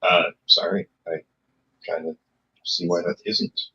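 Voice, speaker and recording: A man's voice: low voice, level tone, measured pace, pushed and bright, slightly rough. A man co-hosting a podcast, talking hesitantly through a wrong mic, his voice garbled, glitchy and far away. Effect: garbled, glitchy audio from the wrong mic. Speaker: podcast co-host. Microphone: wrong computer mic on voice chat. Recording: muffled, far-off, garbled voice-chat audio.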